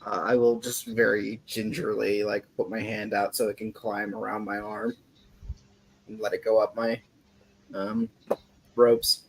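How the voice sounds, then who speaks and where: A man's voice: lowish voice, a little slow. A man casually describing his actions as a player in a tabletop game. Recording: clear background noise and ambience.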